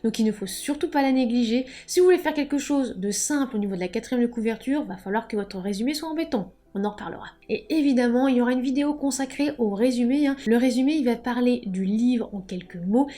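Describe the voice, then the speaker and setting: A woman's voice: fairly high pitch, dark tone. Chatty woman giving book tips. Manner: chatty, frank, drawn-out emphatic headings. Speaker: book promotion adviser. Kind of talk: casual explanatory video lesson.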